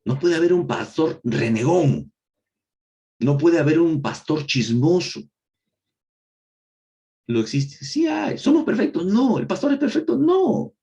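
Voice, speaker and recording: Man teaching, lively rhetorical questioning. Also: on the high side, a little slow, long pauses, dull audio. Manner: asks rhetorical questions and answers them himself; repeats key phrases for emphasis. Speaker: Bible course teacher. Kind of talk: recorded Bible lesson.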